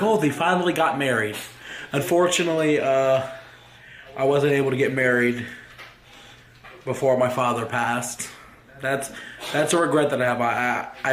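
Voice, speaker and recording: A young man speaking on his vlog in a halting, emotional way, fighting back tears. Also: medium pitch, a bit bright. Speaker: vlogger. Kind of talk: grieving personal vlog. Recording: roomy echo with faint ambience.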